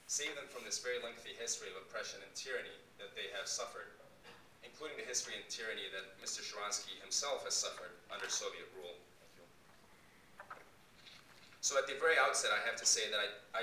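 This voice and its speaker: A man's voice: on the low side, pushed and bright, far from the mic, slight background noise. Earnest man speaking in an echoey hall. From United States. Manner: earnest, emphatic, speechmaking. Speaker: audience member addressing a conference speaker. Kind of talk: impassioned public remarks at a conference. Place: conference hall.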